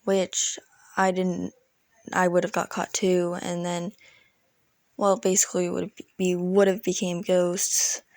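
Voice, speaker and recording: In youthful slang, a woman spins a loose, casual story about an online roleplay game for her storytelling channel. Her voice is lowish, and the studio-quality audio has no room sound.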